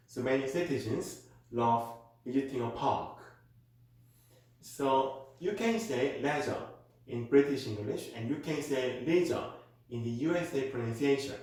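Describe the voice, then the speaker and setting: A man with a Korean accent works as a tutor and reads model exam answers aloud, slowly and carefully so learners can follow. His voice sits at an ordinary pitch for a man. It rings out in a very echoey room. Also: darkish tone. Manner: slow, careful delivery for learners. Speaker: IELTS speaking tutor.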